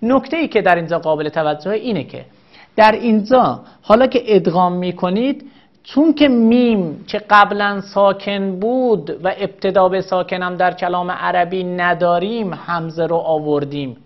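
Woman teaching grammar step by step, low-ish voice, patient, kinda muffled lo-fi audio. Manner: patient, methodical, repeats examples slowly. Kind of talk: recorded grammar lesson.

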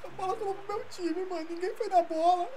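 A Brazilian woman streaming a football video game, commenting live in an excitable, taunting way and swearing often. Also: very high voice, fast talker, a little hiss or hum. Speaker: gaming streamer.

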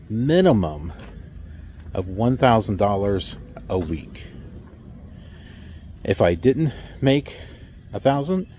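Slow, low-voiced middle-aged man outdoors. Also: dark tone, a little hiss or hum. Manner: wry, rhetorical questions, mocks company replies. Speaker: truck driver vlogger. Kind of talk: casual talk to camera. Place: outdoors in a parking lot. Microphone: phone held at arm's length.

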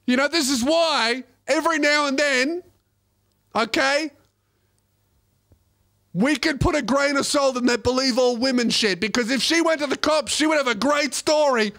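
A young man, a comedian host, telling a profane, self-mocking comedy story with animated delivery. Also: very high voice, normal speed, creaky.

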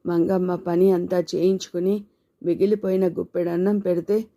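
A woman narrating a novel as an audiobook in a measured, reflective reading. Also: fairly low pitch, little pitch movement, dark tone.

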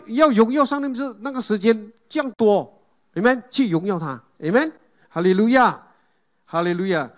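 A man preaching a sermon, calling out Amen and Hallelujah and putting questions to the congregation. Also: sits high. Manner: asks the congregation questions and leads group reading.

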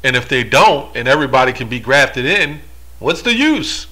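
Man, bright voice, scripture-reading monologue, rhetorical asides. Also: mid-range voice, very animated, moderate pace. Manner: reads verses aloud and explains them, rhetorical asides. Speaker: religious commentator.

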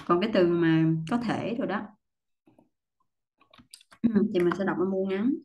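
A woman teaching English pronunciation, explaining patiently step by step and repeating model words, often clearing her throat. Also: medium pitch, measured pace, dark tone, lo-fi sound. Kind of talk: pronunciation lesson.

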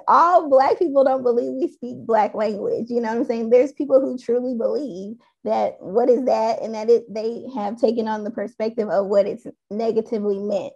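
A woman's voice: on the high side, darkish tone. A woman speaking as a panelist on a video call, candid and thoughtful, with frequent "um" and "like". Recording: dull lo-fi video call audio.

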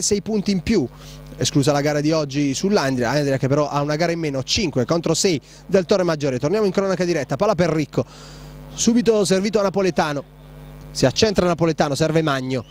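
A man giving breathless, excitable live play-by-play commentary on a futsal match. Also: on the high side, a little hiss or hum. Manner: breathless, excitable, shouting on goals.

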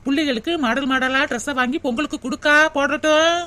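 A woman voices a lively young village woman in a cartoon comedy, who speaks with a Tirunelveli Tamil accent. Her voice sits high and her words come out fast. She sounds chatty and full of advice. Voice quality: chatty, advising, teasing. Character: quick-tongued young village woman Chinnaponnu.

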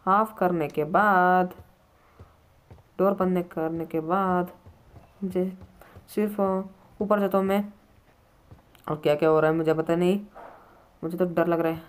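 A man's voice: high-pitched, steady tone, slow, long pauses, clean tone. Guy doing a lets play of a horror game, keeps yelping when he gets scared, talks to viewers a lot. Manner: jumpy, often yelps in fright and talks to viewers. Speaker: gaming channel host.

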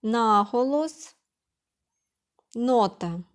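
Slow, patient kindergarten teacher woman. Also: fairly high pitch, lively intonation. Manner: slow, patient, asks questions and answers them herself; sounds out words syllable by syllable. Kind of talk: distance-learning literacy lesson for preschoolers.

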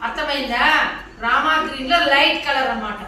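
A woman's voice: sits high, a little fast, bright, forceful tone, slight background noise. A woman preschool teacher coaxing small children with repeated questions in a classroom lesson. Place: echoey classroom. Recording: echoey room, distant mic.

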